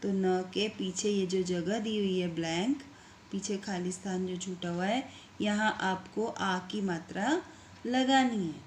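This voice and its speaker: Slow, patient woman teaching young children. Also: mid-range voice, roomy sound, a little hiss or hum. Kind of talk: online class lesson.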